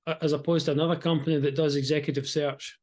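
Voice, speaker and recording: A man's voice: a little high, little pitch movement, quick pace, darkish tone. A man with a strong Scottish accent, hosting a conversational interview. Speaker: interview host.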